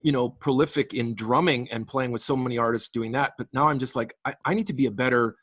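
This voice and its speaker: A man in his late forties from the Canadian prairies chats as a guest musician in a casual interview, enthusiastic and rambling with frequent restarts. His medium-pitched, fairly bright voice is steady and fast, captured in a dry, studio-quality recording.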